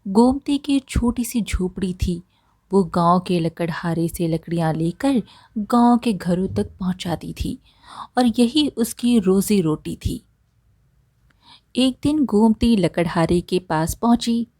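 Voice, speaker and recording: Slow, mellow woman storyteller. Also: mid-range voice, lively intonation, no room sound. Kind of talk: scripted storybook narration.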